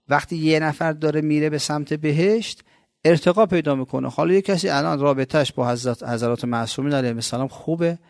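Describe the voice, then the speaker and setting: Male preacher from Iran, gravelly, conversational sermon with emphatic swells and rhetorical questions. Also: mid-range voice, no echo, clean studio sound. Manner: emphatic, rhetorical questions, sudden loud rises then soft asides. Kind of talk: colloquial religious sermon.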